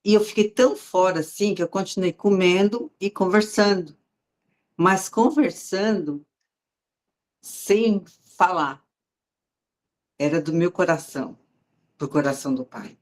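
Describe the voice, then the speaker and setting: A woman's voice: fairly low pitch, measured pace, pauses often, a little mellow. A woman, sharing a heartfelt personal faith testimony in a conversational, storytelling way and speaking directly to her listeners.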